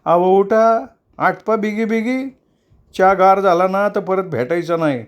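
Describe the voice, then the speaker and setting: A man's voice: high-pitched, unhurried, smooth, voice pushed up. A man voicing an eager male servant calling out and hurrying someone to get up. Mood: urging.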